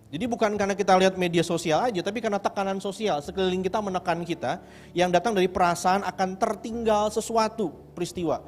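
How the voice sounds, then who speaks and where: A man preaching a sermon as pastor, lively, acting out the voices of people he quotes and mixing English words into his talk. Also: high voice, fast talker, a little hiss or hum. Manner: animated, acts out quoted voices. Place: church hall. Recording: church hall with long reverb.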